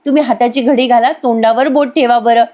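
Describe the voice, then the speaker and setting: Woman voicing a cheerful young sister-in-law, teasing, lively, serial recap. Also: on the high side, fairly quick, voice pushed up, natural voice.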